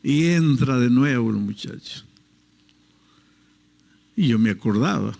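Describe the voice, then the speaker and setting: A man's voice: mid-range voice, expressive, slow pace, vocal fry, darkish tone, long reverb tail. A male pastor preaching a sermon, telling a story earnestly and acting out its dialogue.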